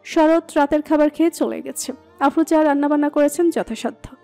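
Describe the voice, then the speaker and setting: High, mellow woman narrating a story. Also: brisk. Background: soft background music.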